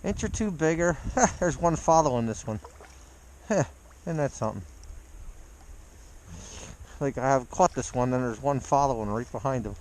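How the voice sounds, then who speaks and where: This fly-fishing vlogger speaks at a measured pace with frequent pauses, his medium-pitched voice muffled by a face mask. Standing outdoors in a cold creek and feeling frozen, he chuckles excitedly while narrating his fishing to viewers, captured by a body or handheld camera with slight background noise.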